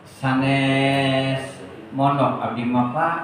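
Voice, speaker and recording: A man's voice: mid-range voice, level tone, extremely slow, a little hiss or hum. A man voicing a lazy, cheeky village man who answers in a drowsy mumble. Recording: echoey room, distant mic.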